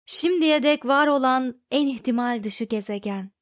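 A boisterous, childishly excited male alien captain voiced by a woman reading an audiobook, pitched up and loud when he crows over his find. His lines burst out bold against the dull, dry recording. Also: normal speed, dry recording, lightly acted.

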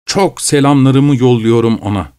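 A man's voice: mid-range voice, moderate pace, a little mellow, clean tone, no room sound, close to an everyday voice. A man reading aloud and voicing a drunk, insolent male servant who repeats himself stubbornly; dry, close recording. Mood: rambling.

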